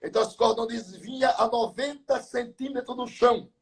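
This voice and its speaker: A man's voice: very high-pitched, normal speed, slightly rough. A man in his seventies, a pastor, telling Bible stories with fervor, piling up numbers and wordplay in a live chat. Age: 70s. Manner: fervent storytelling with biblical numbers and wordplay. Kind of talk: preaching chat in a live talk.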